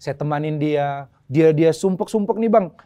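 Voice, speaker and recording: A pastor preaches in a high voice. He tells a story to his congregation, acting out the voices of the people in it and turning to them often with direct asides. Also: normal speed, mellow, dull audio. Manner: storytelling, acts out voices and cries out in emotional peaks; addresses the congregation with frequent asides. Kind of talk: sermon.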